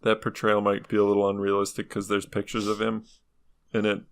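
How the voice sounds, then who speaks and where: Gravelly laid-back man on a podcast. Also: fairly low pitch, monotone, fairly quick. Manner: laid-back, swears casually, laughs often. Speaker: podcast co-host presenting the topic. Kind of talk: casual podcast banter.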